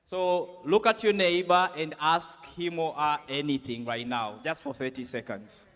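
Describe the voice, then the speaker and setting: A man's voice: on the high side, a little slow, fairly bright tone. A man moderating a conference session, talking casually to the audience with many fillers and prompts. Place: conference hall. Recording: large hall reverb.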